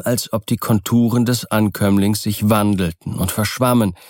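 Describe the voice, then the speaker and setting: A man reading literary narration in a measured, even way for an audiobook, on a close microphone. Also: lowish voice, no room sound. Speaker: audiobook reader.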